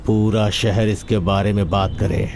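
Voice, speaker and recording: A man dubbing a scheming villain in a film, speaking slowly and menacingly. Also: lowish voice, level tone, creaky, background noise. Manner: slow and menacing. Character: scheming man plotting a grand murder. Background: film score.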